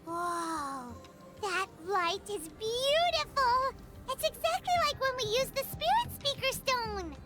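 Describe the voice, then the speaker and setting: A woman voicing Paimon, a small, excitable female companion in a video game. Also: takes it slowly, faint music behind, heavily acted. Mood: wondering. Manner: excitable and squeaky. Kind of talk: game voice acting.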